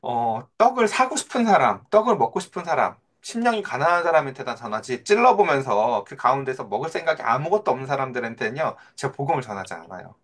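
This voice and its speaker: A middle-aged male pastor preaching in a conversational way, asking his listeners questions and acting out the voices in his stories. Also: medium pitch. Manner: animated, acts out quoted voices of children and Jesus. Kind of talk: sermon.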